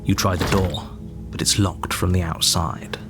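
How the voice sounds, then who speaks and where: An actor playing a stern, disapproving narrator in a video game, telling the story in a deliberate, ominous, dramatic way. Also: male voice, sits low, little pitch movement, creaky, background noise. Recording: music behind the narration.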